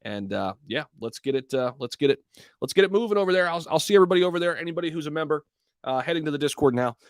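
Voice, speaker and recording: A man's voice: on the high side, lively intonation, rapid-fire, smooth, no echo, studio quality. A man hosting a casual crypto livestream, talking to viewers in hyped, slangy crypto bro style.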